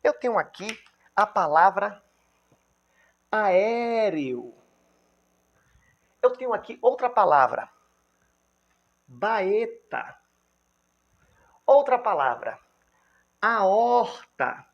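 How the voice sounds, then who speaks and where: The audio is dull, and this man's high voice has some vocal fry, with a Brazilian Portuguese accent. He teaches grammar with a lively manner, regularly checking in with the viewer. Each example word is pronounced slowly, syllable by syllable.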